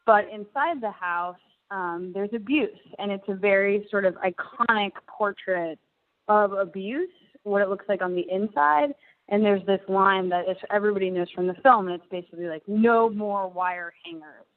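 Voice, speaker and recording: A woman's voice: medium pitch, normal speed. A woman talking over a prison phone line, eagerly explaining things in a casual way with many "like"s. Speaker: person on the other end of a prison call.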